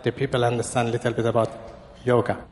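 A man's voice: medium pitch, monotone, a little mellow. Hesitant man from Iran, hall echo. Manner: hesitant, simple phrasing, halting. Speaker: audience member asking a question.

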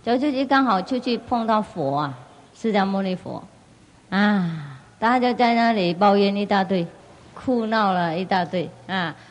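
A woman spiritual teacher telling a story in a sermon, animated and laughing often as she goes. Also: mid-range voice, a little slow.

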